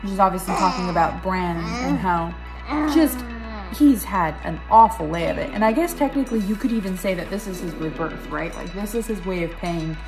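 A woman's voice: on the low side, normal speed, over music. A young woman chatting casually about a book she is reading, rambling a little and making self-deprecating asides, recorded at home in a living room on a tablet's built-in mic. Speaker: book club vlogger. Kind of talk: casual book discussion chat. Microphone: tablet built-in mic, close and low.

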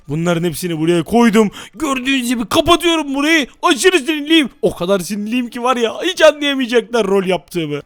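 A gaming YouTuber man who shouts and blusters in a role-play and turns to chat with viewers in asides. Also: sits high, no echo. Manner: shouty, blustering when acting angry; chummy asides to viewers. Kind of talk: Minecraft role-play with commentary.

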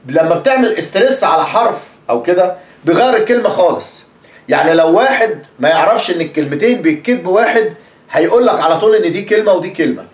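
A man's voice: high-pitched, animated, fast talker, reverberant. A man from Egypt with an Egyptian Arabic accent, teaching English pronunciation in a chatty, repetitive way and acting out examples. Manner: chatty, repeats words, acts out examples. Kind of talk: casual spoken lesson.

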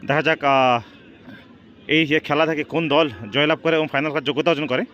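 A man's voice: fairly high pitch, fairly even intonation, quick pace, fairly bright tone, highs cut off. A man gives live football shootout commentary, repeating stock phrases and dropping in English words. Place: outdoors at a local football ground. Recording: outdoor ground with crowd noise. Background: crowd and outdoor noise.

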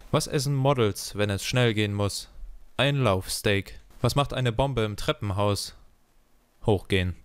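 Deadpan man with a smooth, dry voice. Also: lowish voice, dry recording. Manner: deadpan question-and-punchline delivery, slowing on punchlines. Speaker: joke teller. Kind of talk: reading one-liner jokes.

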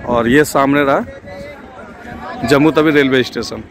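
A man's voice: medium pitch, slow, crowd noise. A man in his thirties, a travel vlogger filming himself at arm's length outdoors at a station and on a moving train, explaining routes and fares to his viewers. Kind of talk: casual travel vlog. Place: outdoors at a railway station and at an open train door. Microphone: camera held at arm's length. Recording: noisy outdoor and train ambience.

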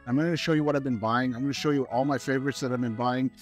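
This casual walk-through vlog has a fitness vlogger in his thirties from Canada racing through his words in a steady, mid-range voice as he strolls a grocery store. Wearing a lapel mic, he chats upbeat to camera with fillers while soft music plays behind.

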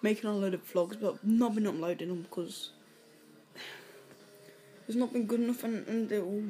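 A woman records a casual vlog on her phone, her voice mellow and soft-edged. She rambles from one thing to the next, stops herself partway through sentences and apologizes a lot. The phone video gives it a homemade, offhand feel. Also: medium pitch, faint music behind. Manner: rambling, self-interrupting, quick to apologize. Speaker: vlogger. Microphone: phone camera.

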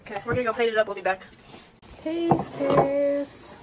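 A woman's voice: high-pitched, expressive, moderate pace. A young woman chatting playfully to the camera and her friends while cooking late at night in a home kitchen. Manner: giggly, playful, talks straight to camera. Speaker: vlogger. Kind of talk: casual vlog chat with friends. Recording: noisy home phone recording.

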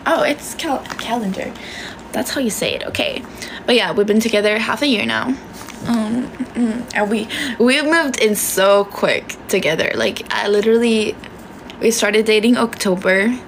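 Young Swedish woman, gravelly livestream chat. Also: medium pitch, normal speed, slight background noise, low-quality recording. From Sweden. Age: young adult. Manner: chatty, swears casually, switches between languages. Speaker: livestream host. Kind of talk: casual chat reading viewer comments. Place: small bedroom indoors. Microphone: phone held close.

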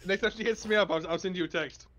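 A man gaming with a friend, telling crude stories in a deadpan way and acting out the quotes. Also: high voice, quick pace, a little hiss or hum. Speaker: co-player and friend. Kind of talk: casual gaming chat with a friend.

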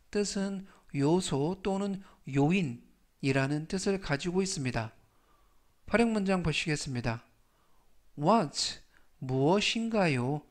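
A man leads a scripted vocabulary lesson. His voice sits slightly high for a man, and he speaks very slowly and patiently. He says each new word three times. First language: Korean. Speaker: English vocabulary teacher.

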